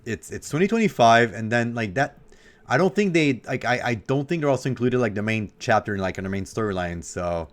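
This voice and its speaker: A man's voice: mid-range voice, lively intonation, brisk. A man reacting on a stream, eager and rambling, repeating himself. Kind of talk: reaction commentary.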